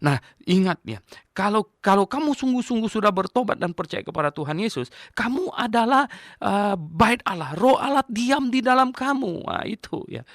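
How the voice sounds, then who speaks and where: Gravelly emphatic older preacher. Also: male voice, high voice, moderate pace, no room sound, studio quality. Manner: emphatic, animated, repeats key phrases; chuckles between points. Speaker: pastor. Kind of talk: radio-style Bible teaching sermon.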